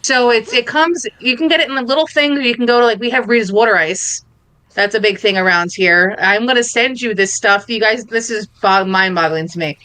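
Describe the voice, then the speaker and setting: Co-host, woman, Philly/North Jersey accent, bright and high, eager rambling talker. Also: brisk, clear, resonant tone, no echo. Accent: Philadelphia and North Jersey. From Philadelphia area. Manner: enthusiastic, laughs often, rambling food descriptions. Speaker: podcast co-host. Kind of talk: casual chat.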